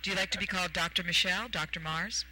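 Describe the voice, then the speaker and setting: A woman's voice: lowish voice, fairly even intonation, fast talker, sharp tone, slight background noise, low-quality recording. A woman hosting a radio talk show, rambling playfully with many fillers and puns. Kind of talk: casual radio chat.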